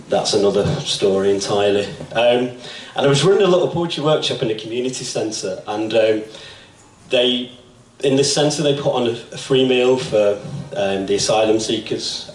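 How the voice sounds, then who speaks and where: A man, a poet and teacher, chatting casually with plenty of swearing before reading his spoken-word poems live in a small bar. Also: on the low side. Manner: casual, swearing, self-deprecating banter. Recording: roomy live sound from a distant mic.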